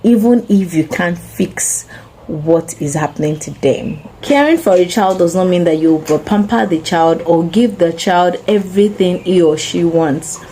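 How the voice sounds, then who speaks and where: A young woman speaks slowly in a low, mellow voice as she hosts a parenting channel. Her tone is earnest and gentle, and she addresses parents directly with advice. She never hurries. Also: a little hiss or hum, rough recording. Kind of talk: spoken parenting advice to camera.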